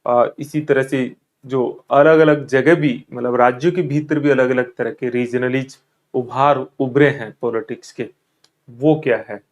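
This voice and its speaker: A man's voice: medium pitch, steady tone. Man giving a thoughtful exam lecture. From India. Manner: thoughtful, explanatory, with frequent pauses and fillers. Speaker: teacher.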